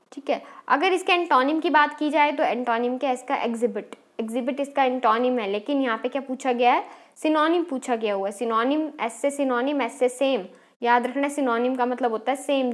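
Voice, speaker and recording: A woman teacher with an Indian English accent, explaining English exam questions step by step and quizzing her students. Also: high-pitched. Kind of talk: exam-prep English lesson.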